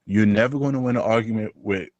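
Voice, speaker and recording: A man co-hosting a casual podcast, talking in animated bursts that swing between loud outbursts and low mumbles. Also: fast, no echo, lo-fi sound. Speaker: podcast co-host.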